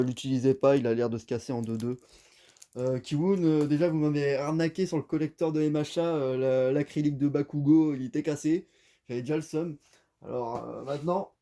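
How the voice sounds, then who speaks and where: A man talks through an unboxing in a casual, rambling way, full of fillers and little asides. His voice is very mellow and dark, at an ordinary pitch for a man. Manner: rambling, filler-heavy, chatty. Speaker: unboxing vlogger. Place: at home.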